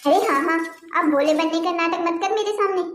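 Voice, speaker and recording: A woman voicing a sharp-tongued scheming aunt. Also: very high-pitched, a little fast, reverberant, soft background music. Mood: scornful. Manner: harsh, scolding, sharp-tongued. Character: scheming scolding aunt, middle-aged woman, bitter and greedy. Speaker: aunt and mother. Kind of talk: Hindi cartoon family drama.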